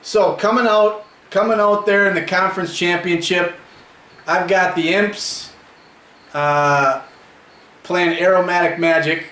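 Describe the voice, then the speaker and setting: A man's voice: sits high, fairly even intonation, measured pace, pauses often, sharp tone. A young man co-hosting a casual fantasy football chat, sarcastic and teasing. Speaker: co-host. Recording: echoey room with faint noise.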